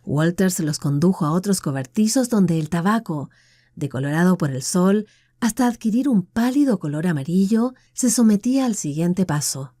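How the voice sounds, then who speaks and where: A woman with a Latin American Spanish accent reading an audiobook in a measured, expressive storytelling manner. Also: on the low side, no room sound, studio quality. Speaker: audiobook narrator. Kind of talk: audiobook narration.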